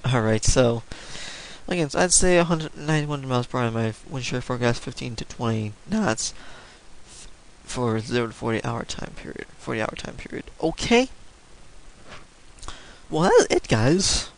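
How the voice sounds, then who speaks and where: A man giving a casual amateur weather forecast video, rambling and apologetic, with sudden excited jumps in pitch. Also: normal speed, a little hiss or hum, poor audio.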